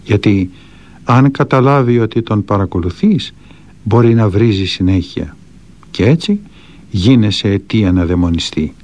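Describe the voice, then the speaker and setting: A man's voice: fairly low pitch, darkish tone. A man reading spiritual anecdotes and counsel aloud, with a storytelling delivery. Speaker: reader of a monk's teachings.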